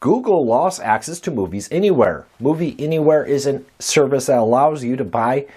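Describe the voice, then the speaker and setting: A man hosting a news roundup show, talking in a brisk, conversational way, his voice still weak after a cold. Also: mid-range voice, expressive, warm tone, husky. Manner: brisk, conversational delivery with rising emphasis. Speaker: host.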